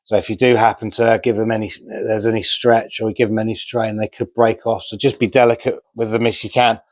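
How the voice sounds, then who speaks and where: A man's voice: fairly low pitch, level tone, a little fast, dry recording. Chatty man, dry close sound. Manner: chatty, self-deprecating, talks while working with hands. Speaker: DIY vlogger. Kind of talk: casual how-to narration while building. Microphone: remote mic.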